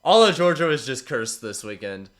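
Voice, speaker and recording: A streamer analyzing tournament matches chats casually with viewers and reads out their messages in a relaxed, rambling way. His mid-range voice sounds stuffy and congested from a cold, and he speaks at normal speed.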